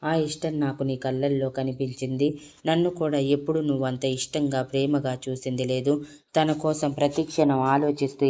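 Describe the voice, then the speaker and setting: A possessive young woman who begs and then vows to hold on, delivered in a flat, level tone, as a woman storyteller puts her on. It sounds like an audio storybook reading. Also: a bass voice. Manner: pleading, then fierce.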